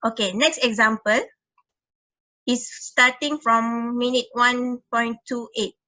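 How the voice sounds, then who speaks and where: A woman's voice: a little high, steady tone, slow, bright, forceful tone, rough recording. A young woman presenting a class project, explaining examples and often repeating and correcting herself. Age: young adult. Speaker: student presenter.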